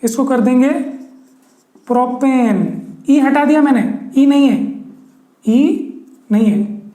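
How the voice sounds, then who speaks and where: A man teaches a classroom lesson, pausing again and again to ask his students questions and to repeat each key word. His voice is soft and mellow, with little edge. The recording carries a clear room echo. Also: very high voice. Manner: keeps quizzing students and repeating key words.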